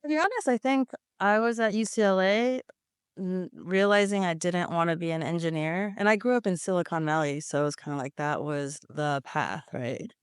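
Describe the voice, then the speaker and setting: Smooth-voiced woman, thoughtful journalist guest. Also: fairly low pitch, normal speed, no room sound, studio quality. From California, United States. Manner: thoughtful, many fillers. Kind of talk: casual interview.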